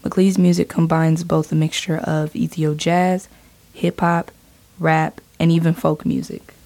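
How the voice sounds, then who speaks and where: A woman interviewer asking plain, measured questions and giving brief narration. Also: deep voice, level tone, dark tone, no room sound.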